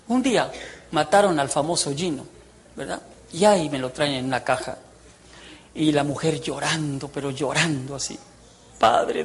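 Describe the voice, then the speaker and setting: A man, giving a testimony as a preacher, telling his story in an animated way, with loud bursts and hushed asides. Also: on the high side. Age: 60s. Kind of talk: testimony sermon.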